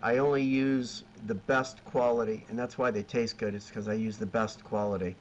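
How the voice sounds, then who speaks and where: A man's voice: lowish voice, steady tone, moderate pace. Rambling joking man on a dull line. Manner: rambling storyteller, laughs at himself. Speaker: BBQ caterer, guest. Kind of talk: casual chat. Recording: dull lo-fi sound with faint noise.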